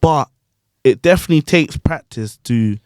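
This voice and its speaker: A man's voice: a little high, normal speed, smooth, dry recording, studio quality. A man hosting a podcast and chatting casually about performing, full of slang and check-ins with his guests. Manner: animated, slangy, repeats "you get what I'm saying". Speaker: podcast host and grime MC. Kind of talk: casual chat.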